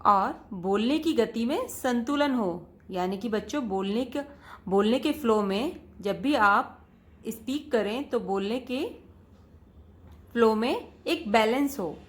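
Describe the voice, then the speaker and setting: Woman teacher talking to kids, kinda high voice, patient, goes over stuff twice. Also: animated, slow. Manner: patient, repeats points and addresses students directly. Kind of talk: classroom lesson for children.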